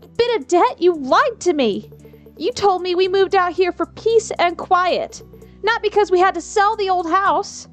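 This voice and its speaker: A hurt, reproachful old grandmother scolds in a raised, high voice, as a woman acts her out. Her lines come out sharp and accusing. Soft music sits in the background. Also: fast talker, few pauses, close to an everyday voice. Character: upset, reproachful elderly grandmother.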